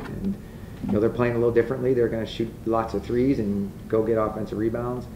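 A man's voice: on the low side, flat delivery, quick pace. A middle-aged man, a head coach, answering blunt and matter-of-fact at a postgame press conference at a table mic. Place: press room. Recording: echoey room, from far off, with noise.

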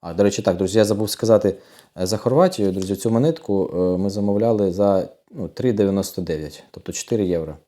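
A man's voice: on the low side, fast talker, warm tone. A man hosting a coin collecting channel, talking casually through an unboxing, thinking aloud and often addressing viewers as friends.

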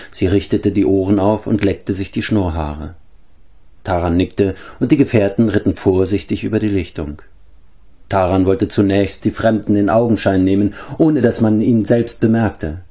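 A man calmly narrating a storybook in a measured way. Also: fairly low pitch. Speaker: audiobook reader.

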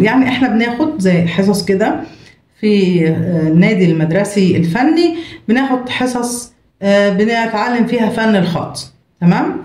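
A woman English teacher with an Egyptian Arabic accent. She reads each English word twice and gives its Arabic meaning at a steady pace. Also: medium pitch, roomy sound. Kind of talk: reading and translating vocabulary for students.

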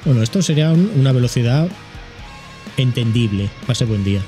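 A man with a Spain accent reacts to a video in a bouncy, animated voice that leaps up and down in pitch. He jokes, exclaims, and gives the objects he watches funny little voices. Music plays behind him. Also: fairly quick. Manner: jokey, exclaiming, voicing objects in funny asides. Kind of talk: casual reaction commentary.

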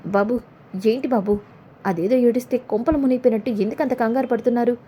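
A woman's voice: fairly high pitch, fast talker, mellow, slight background noise, natural voice. A woman voicing a stubborn young wife and mother in a retold serial, speaking in a defiant, scolding way.

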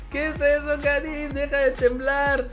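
A young Mexican woman hosting a video game playthrough, commenting excitedly and repeating words in quick bursts. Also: sits high, soft background music. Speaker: gaming channel host. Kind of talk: excited let's-play commentary with a child.

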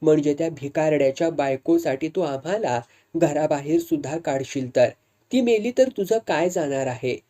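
A woman's voice: deep voice, moderate pace, dark tone, close to an everyday voice. A woman voicing an angry, demanding younger brother in a read-aloud story. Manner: harsh, demanding.

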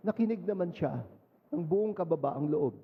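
A priest with a Filipino accent giving a Sunday homily in a conversational storytelling way, mixing in English phrases. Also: male voice, sits high, animated, moderate pace, slightly rough. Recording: muffled lo-fi recording.

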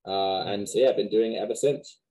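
Man, thirties, Wiltshire West Country accent mixed with American, mellow relaxed tone, conversational interview guest. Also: fairly low pitch, a little fast, rough recording. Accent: West Country Wiltshire English, softened by American. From Wiltshire, England. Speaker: museum director, interview guest. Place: small plain office, video call.

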